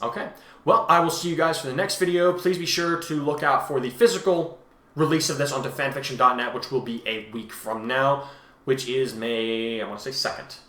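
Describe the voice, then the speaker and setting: This host, who writes and reads fan fiction, talks casually about his own work in a sharp, mid-range voice at a fairly quick clip. He rambles and frequently corrects himself mid-thought, and the room sounds echoey.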